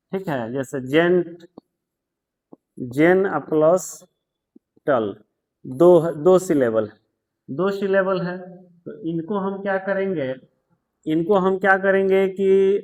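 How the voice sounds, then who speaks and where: A man teaching English grammar in a patient lesson, repeating words, spelling them out and telling students to pause and take notes. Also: on the high side, a little mellow, low-quality recording. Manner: tells students to pause the video and write notes. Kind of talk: slow explanatory grammar lesson.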